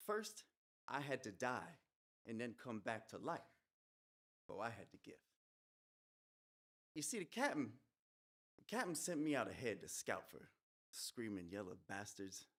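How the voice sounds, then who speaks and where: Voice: medium pitch, very animated, a little slow, pauses often, fairly bright tone. A performer playing a young male soldier who has come back from death, telling his tale in a folksy rural dialect as a dramatic monologue. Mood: eerie folksy. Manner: folksy storytelling with rural dialect, whispered hisses. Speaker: stage performer. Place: live event at an art museum.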